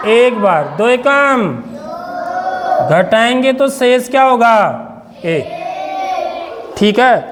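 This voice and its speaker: Male teacher, high voice, quizzes the class; long classroom reverb. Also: expressive, very slow, pauses often, background noise. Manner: questioning, repeats "theek hai" often; stern with inattentive children. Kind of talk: classroom maths lesson.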